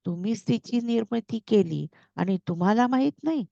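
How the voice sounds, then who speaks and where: A woman's voice: fairly high pitch, animated, moderate pace, creaky, dark tone, no room sound, pitched above the performer's own voice. A woman narrator voicing a bold young male god who speaks frankly, in a dull lo-fi recording. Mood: blunt.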